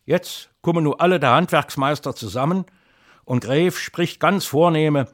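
A middle-aged man reading an introduction and then telling a story with measured, lively delivery. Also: on the high side. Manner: measured, lively storytelling, slips into dialect for the tale. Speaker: narrator and reader.

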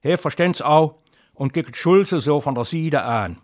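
A middle-aged man reading an introduction and then telling a story with measured, lively delivery. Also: a little high. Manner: measured, lively storytelling, slips into dialect for the tale. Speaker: narrator and reader.

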